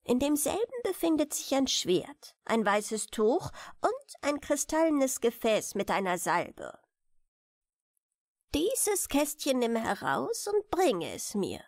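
A woman's voice: sits high, sing-song, takes it slowly, no echo, clean studio sound, exaggerated voice. A woman voicing a small, aged, solemn grey dwarf king who pleads earnestly in a German fairy tale. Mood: solemn instructing.

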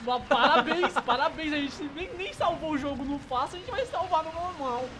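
A player with a Brazilian Portuguese accent doing casual co-op gameplay commentary, playful and teasing, laughing and shouting at the action. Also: high-pitched, expressive, normal speed, a loud crowd. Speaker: co-op gameplay partner. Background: game music.

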